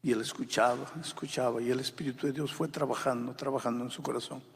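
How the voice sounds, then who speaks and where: A male pastor delivers a sermon with a slightly husky voice. He tells his story softly, then surges into loud, urgent calls to the congregation. His voice rings with a long reverb from a large church hall. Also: medium pitch, steady tone, fast talker. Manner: swings from quiet intimate storytelling to loud fervent exhortation.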